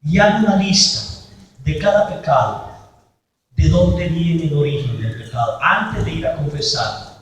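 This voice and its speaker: A man preaching a sermon as a priest at a healing retreat, emphatic, slowing and swelling on key words. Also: on the high side. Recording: echoey hall from far off.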